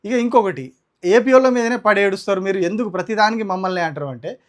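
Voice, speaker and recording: A man with a Telangana Telugu accent and a high-pitched voice delivers a combative opinion rant. He argues indignantly, piling up rhetorical questions as a political commentator. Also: fast talker. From Telangana, India.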